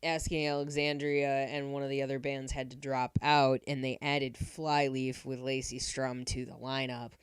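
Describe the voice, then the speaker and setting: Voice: mid-range voice, flat delivery, normal speed, few pauses, clear, resonant tone, no echo, clean studio sound. A podcast co-host talking in casual, conversational chat.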